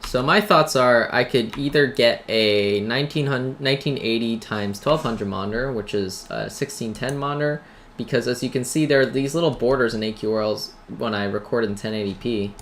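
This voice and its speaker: On a noisy home mic that catches keyboard clatter, typing and ambient noise, a man hosts a gaming video. His voice sits at medium pitch with a fairly bright tone and a moderate pace, and his commentary is casual and rambling, with playful digs at himself.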